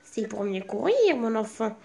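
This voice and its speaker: A cunning, hungry wolf from a classic fairy tale, voiced by a woman reading aloud. The delivery is calm and measured, with a mellow, rounded tone. The voice sits somewhat high. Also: vocal fry, exaggerated voice. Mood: menacing.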